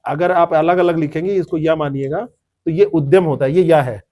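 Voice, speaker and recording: A man's voice: fairly high pitch, steady tone, normal speed, mellow. A man teaching a classroom lecture, explaining word meanings, repeating terms and quizzing students by name. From India.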